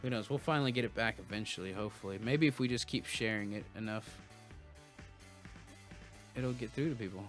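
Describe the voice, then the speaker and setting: A man's voice: on the low side, a little fast, pauses often, fairly bright tone, faint music behind. Casual man musing on a livestream. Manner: loose and musing, many restarts, swears casually. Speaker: livestream host. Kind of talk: casual rambling monologue.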